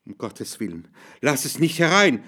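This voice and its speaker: A man's voice: medium pitch, very animated, normal speed, bright, forceful tone, voice pushed up. Trembling frightened old man, as a narrator reads him. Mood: fearful. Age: older. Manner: trembling, fearful pleading.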